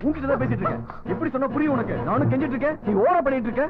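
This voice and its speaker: Exasperated rich young suitor. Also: male voice, extremely high pitch, rapid-fire. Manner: insistent, exasperated. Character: rich young suitor turning from pleading to insult. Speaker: film character. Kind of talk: Tamil film drama acting. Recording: tinny lo-fi film audio from a distance. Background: film score music.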